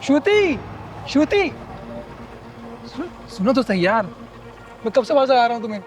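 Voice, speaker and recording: A man's voice: very high-pitched, very animated, measured pace, soft background music, exaggerated voice. A man playing a pushy young stalker. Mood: pleading. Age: 20s. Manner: pushy, cocky, wheedling. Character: brash young male stalker.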